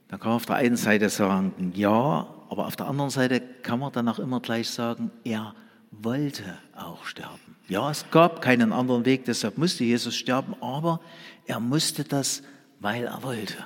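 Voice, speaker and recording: A man preaching a sermon to a congregation, moving between loud, stressed phrases and hushed whispers. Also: medium pitch. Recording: long reverb of a large hall.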